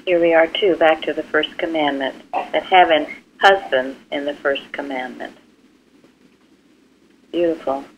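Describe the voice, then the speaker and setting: A woman's voice: low voice, fairly even intonation, a little slow, long pauses. Woman hosting a Bible study over the phone. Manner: friendly, brief greetings and soft laughs. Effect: heard over a telephone line. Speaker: host of a Bible study call. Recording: muffled phone-line sound with faint noise.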